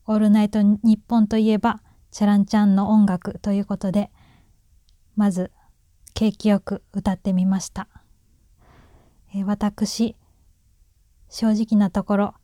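A woman with a Kansai accent talks alone into a microphone like a little radio show. Her voice is mellow and fairly level, and she sounds shy and a bit nervous as she cracks self-deprecating jokes. The recording is close and dry. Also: mid-range voice, no echo. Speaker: solo radio host. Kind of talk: casual solo radio talk. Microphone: talking alone into a microphone.

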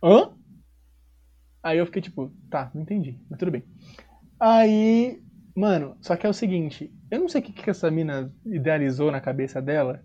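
Paulistano guy telling a story, lots of slang, acts out the dialogue, mellow voice, kinda dull lo-fi audio. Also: a little high, expressive, moderate pace. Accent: São Paulo Portuguese. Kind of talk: casual chat. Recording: dull lo-fi recording.

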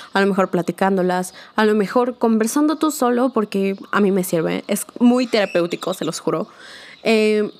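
A young woman hosting a casual solo podcast. She talks in a chatty, confiding way, keeps checking in with "¿ok?" and drops in English words now and then. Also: medium pitch. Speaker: podcast host.

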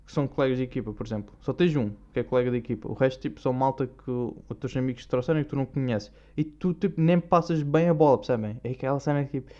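A man's voice: mid-range voice, very fast, few pauses, warm tone. A young man with a European Portuguese accent, hosting a podcast in a rambling, slang-heavy casual monologue. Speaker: podcast host. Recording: dull lo-fi recording.

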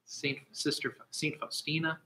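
A man with a bright, forceful voice co-hosting an online show. He talks casually and leads prayers in an earnest, steady way. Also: on the high side, a little hiss or hum, poor audio. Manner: earnest, slow and steady when praying. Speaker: co-host. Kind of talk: casual chat and spoken prayer.

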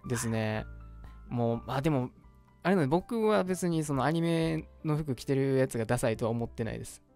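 Kansai man hosting casual advice radio, slightly high. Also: expressive, fairly quick, darkish tone, soft background music. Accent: Kansai Japanese. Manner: explanatory, colloquial, reading out listener letters. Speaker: radio show host. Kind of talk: casual advice talk on a livestream radio show.

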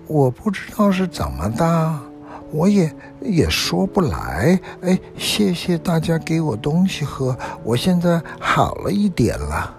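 A small, timid lizard stammers and trips over his words in a storybook reading, as a man puts him on. His voice is pitched up and wobbles widely, slow and shaken. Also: gravelly, darkish tone, full character voice. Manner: stammering, shaky and breathless.

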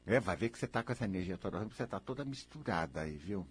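A man giving self-help advice in a lively, conversational way, acting out little imagined exchanges. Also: sits low, slightly rough. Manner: animated, acts out imagined people in quick asides.

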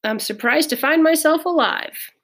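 A woman's voice: sits high, moderate pace, a bit bright, a little hiss or hum, pitched above the performer's own voice. A woman voicing a farmer father who stays dry and matter-of-fact after a tornado.

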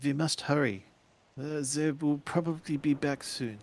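A man voicing a frightened young woman held captive, speaking in halting, pleading, urgent bursts. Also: on the high side, pitched above the performer's own voice.

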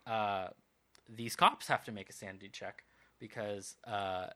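Rambling bright-voiced male game master. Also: fairly low pitch, steady tone, a little slow. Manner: rambling, many ums and uhs. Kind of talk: narrating a tabletop game.

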